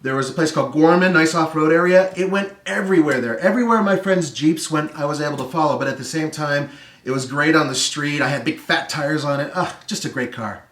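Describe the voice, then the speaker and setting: Middle-aged man, higher voice, roomy. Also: a little fast, fairly bright tone. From California. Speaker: car show host. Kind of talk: casual storytelling chat. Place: carpeted living room, seated on the floor. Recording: roomy echo, distant mic.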